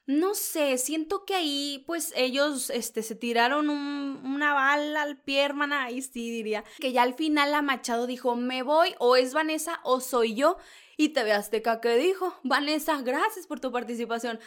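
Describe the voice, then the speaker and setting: A woman from northern Mexico with a northern Mexican accent, hosting celebrity gossip in a loud, dramatic, chatty way and acting out other people's lines. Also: on the high side. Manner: loud, animated, dramatic, mimics others mid-story. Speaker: entertainment gossip host. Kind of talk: casual celebrity gossip commentary.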